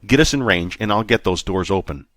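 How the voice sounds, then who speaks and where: A man voicing a desperate male spaceship captain who shouts demands at his crew. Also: lowish voice, expressive, fairly quick, no echo, clean studio sound. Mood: urgent, shouting.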